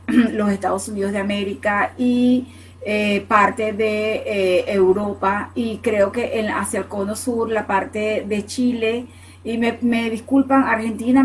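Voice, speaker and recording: In a rough recording, a woman from Latin America with a medium-pitched voice gives a live online class teaching English vocabulary in Spanish. Her explanations are patient, each point is followed by "ok?", and she calls viewers by name when answering their questions.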